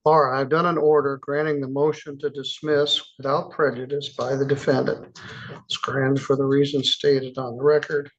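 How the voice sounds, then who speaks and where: A man presiding as a judge in a courtroom, speaking in a measured, plainspoken way with casual asides. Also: medium pitch, little pitch movement, highs cut off. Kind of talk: courtroom proceedings.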